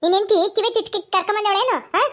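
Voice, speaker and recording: A woman's voice: very high voice, steady tone, racing, fairly bright tone. A woman doing a stubborn old village grandmother. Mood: defiant. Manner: scolding, defiant, ends lines with "haa?". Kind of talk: village cartoon comedy voice acting.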